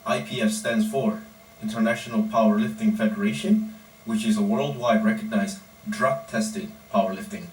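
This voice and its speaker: A man, a powerlifting coach giving a measured, deliberate personal monologue in short phrases. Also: fairly low pitch. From Indonesia. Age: 20s. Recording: roomy echo, distant mic, faint background noise.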